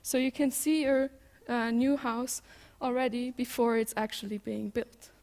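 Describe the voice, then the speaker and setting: A woman's voice: on the high side, fairly even intonation, unhurried, a little mellow. A woman from Switzerland with a Swiss German accent, giving an informal tech talk as a conference speaker.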